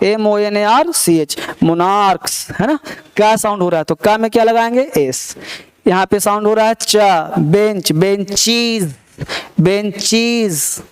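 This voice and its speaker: A man's voice: sits high, clean tone. A man teaching English spelling and pronunciation to students, repeating words and quizzing them, in a classroom lesson. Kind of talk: classroom grammar lesson in Hindi.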